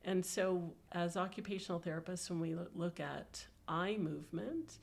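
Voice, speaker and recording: Woman, podcast co-host, slightly low voice, reflective and winding delivery. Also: moderate pace, gravelly, a little mellow. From United States. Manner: reflective, long winding sentences. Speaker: occupational therapist, co-host. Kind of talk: casual podcast discussion.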